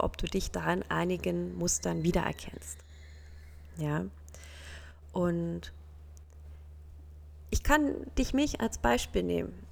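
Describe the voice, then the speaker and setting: A woman's voice: mid-range voice, vocal fry. A woman coaching the listener in an earnest, personal self-help talk, sometimes acting out other people's reactions.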